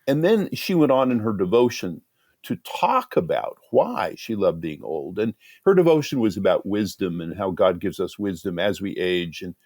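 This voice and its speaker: An animated man in his sixties answers interview questions like a storyteller, his pitch swinging widely. He restarts his sentences often. The sound is dry and close, with no room echo. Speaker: guest, author. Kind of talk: conversational interview.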